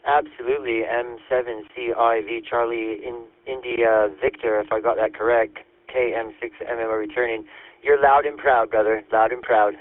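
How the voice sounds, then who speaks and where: A man's voice: medium pitch, fairly even intonation, moderate pace, dry recording. Friendly man running a radio net. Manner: friendly and upbeat, using call-sign codes. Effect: heard over a two-way radio link. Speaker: amateur radio net controller. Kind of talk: radio net chat with operator jargon. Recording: dry, phone-like radio audio.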